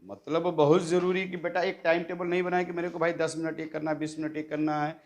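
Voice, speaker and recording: A man's voice: on the high side, level tone, fairly quick. A man teaching acting students in a coaching lecture, demonstrating lines and often checking in with them.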